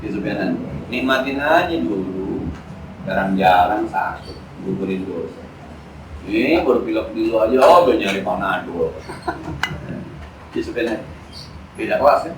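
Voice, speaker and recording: A man's voice: fairly low pitch, expressive, normal speed, long pauses. Man teaching in echoey mosque. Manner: casual, joking, slangy teaching. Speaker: Islamic teacher. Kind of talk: mosque study lecture. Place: mosque hall. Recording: echoey hall, distant mic, faint noise.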